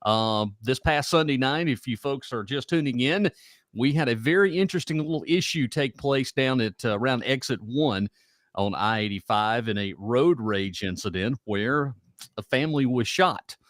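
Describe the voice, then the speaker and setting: A man hosting an online radio talk show in a loud, showy, playful announcer style. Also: medium pitch, moderate pace, dry recording, studio quality. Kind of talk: casual call-in-style show banter.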